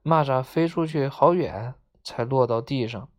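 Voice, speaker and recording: Low-voiced woman reading a children's story. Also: unhurried, a little mellow. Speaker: narrator.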